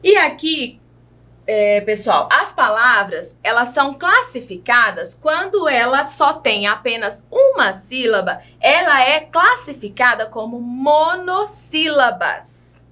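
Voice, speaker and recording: A woman from Brazil gives a lesson to children, using a lively, high-pitched voice and a very slow delivery. Patient throughout, she pronounces words in an exaggerated manner and quizzes her young students.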